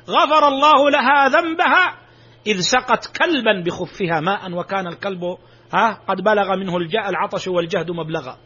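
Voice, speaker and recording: A man's voice: high voice, pushed and bright, breathy edge. A man giving a sermon, emphatic, his voice rising sharply when he exclaims. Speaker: preacher. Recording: dull lo-fi recording.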